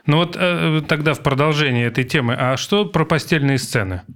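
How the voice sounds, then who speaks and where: A man in his forties hosting a casual chat, telling stories and thinking aloud with many pauses. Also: on the high side, animated, a bit bright. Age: 40s. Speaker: podcast host.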